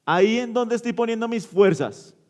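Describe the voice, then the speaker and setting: This male pastor preaches with lively intonation at a normal speed, quizzing his church congregation and supplying the answers. He alternates between loud, forceful outbursts and soft, low closes.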